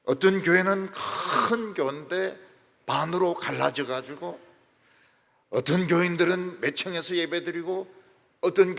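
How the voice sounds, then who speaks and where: A man preaching in a church sanctuary, his voice gravelly and pitched a little high. He swings between loud, stressed peaks and hushed drops, and a long reverb from the big hall trails every phrase. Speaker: pastor. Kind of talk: sermon.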